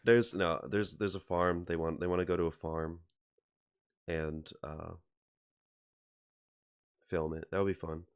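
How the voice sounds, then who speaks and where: A man from Wisconsin co-hosting a casual podcast chat, speaking in a dry, laid-back way and often dropping into quiet, mumbled asides. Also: low voice, little pitch movement, measured pace, long pauses, smooth. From Wisconsin, USA. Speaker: podcast co-host.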